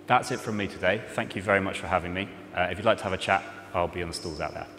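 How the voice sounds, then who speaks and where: A man in his thirties giving an informal, somewhat halting presentation on a stage. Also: low voice. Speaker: start-up presenter. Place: large theatre stage, indoors. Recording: echoey noisy hall.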